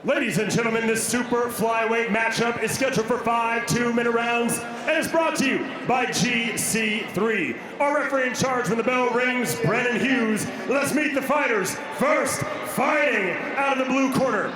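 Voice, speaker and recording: A man working as a ring announcer, booming drawn-out, formal introductions in the manner of a lucha libre announcer. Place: large fight arena with crowd. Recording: distant echoing arena PA, loud crowd noise.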